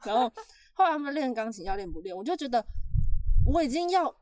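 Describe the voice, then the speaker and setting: Woman, casual storytelling, animated, laughs a lot, lively, dry. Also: fairly high pitch, fast talker, no room sound. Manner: animated, laughs often, acts out shouting. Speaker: podcast host telling a story.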